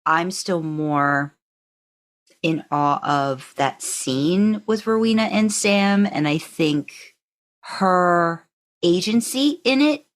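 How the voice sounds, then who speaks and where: Expressive and unhurried, this woman's low-leaning voice carries a casual podcast conversation among fans. She co-hosts and narrates professionally, voicing her views with hedging asides.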